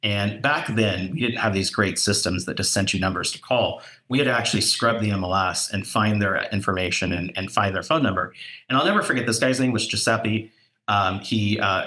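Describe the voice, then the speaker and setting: A man with a slightly low but bright, forceful voice tells sales stories in a relaxed conversation. He gets animated, jumping his pitch up when he acts out what people said. The talk is loose and unscripted, full of fillers and restarts. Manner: animated storyteller, voice jumps up for quoted dialogue. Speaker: real estate broker and podcast co-host. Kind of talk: casual storytelling chat.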